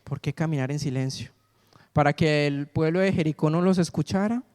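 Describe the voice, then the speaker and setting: A man's voice: fairly high pitch, normal speed, a little mellow, smooth. A man preaching a sermon in a church, repeatedly asking the congregation to call out the missing word. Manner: call-and-response, asks congregation to fill in words. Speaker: pastor. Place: church sanctuary. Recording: long reverb of a church hall.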